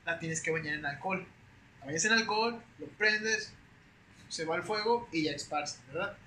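A young man with a Mexican accent, a podcast guest telling stories in a slangy, animated, casual way. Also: fairly high pitch, moderate pace. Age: young adult. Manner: slangy, animated, peppers speech with güey. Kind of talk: casual storytelling chat. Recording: roomy echo with faint hiss.

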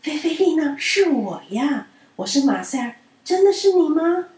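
A woman gives voice to a kindly male goose from a storybook, soft-spoken and gentle in manner. Her voice sits fairly high and sounds a little distant in a roomy space. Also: animated, moderate pace, lightly acted. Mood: overjoyed. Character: gentle gray male bird turned goose.

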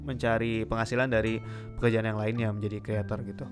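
A young man with Jakarta slang hosting a casual solo podcast, talking fast with many filler sounds. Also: lowish voice, flat delivery, over music. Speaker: podcast host.

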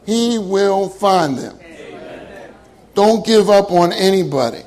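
A man with a high, light voice delivers an earnest sermon. He leans on his key phrases and repeats them for emphasis, speaking straight to his congregation. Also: animated, slow pace, a little mellow, rough recording. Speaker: minister.

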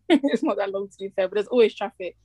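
A woman's voice: mid-range voice, brisk, mellow, no echo. A young woman, chatting casually and informally. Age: young adult. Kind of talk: casual chat.

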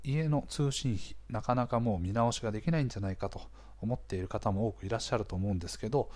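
A man with a slightly hoarse voice hosts a casual explainer, talking conversationally to listeners and often checking in with small interjections. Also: on the low side, a little mellow. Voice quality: hoarse, gravelly-sounding voice. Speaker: podcast host.

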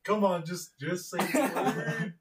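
Young man, wisecracking friend, slightly raised pitch. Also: slow pace, crowd noise. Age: young adult. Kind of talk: casual chat among friends.

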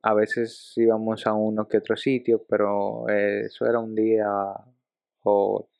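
A young man from Ecuador with a Dominican Spanish accent, co-hosting a podcast in casual chat, speaking in a measured, hesitant way. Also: fairly low pitch, completely flat delivery, vocal fry, no echo. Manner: measured, hesitant, soft chuckles. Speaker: podcast co-host. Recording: dull dry lo-fi sound.

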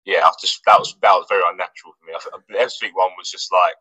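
A man who plays football in England gives a casual interview, his low voice moving very fast. He stays relaxed but hesitant, filling gaps and restarting often, and the audio is dull with no echo.

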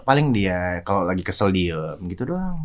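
Quippy young husband on a chat show. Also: male voice, low voice, big pitch swings, moderate pace, crowd noise. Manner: quippy, joking, polite to the host. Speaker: guest. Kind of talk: casual chat.

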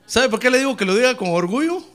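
A male preacher delivering a fervent sermon, bursting into shouted praise and mixing in humorous asides. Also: extremely high pitch, very animated, fast.

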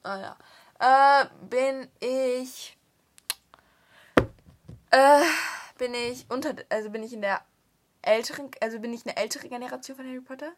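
Young woman, slightly high voice, excitable game-night chatter. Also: a little hiss or hum. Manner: excitable, swears when stuck, quick laughing outbursts. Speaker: player in a guessing game. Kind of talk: casual chat.

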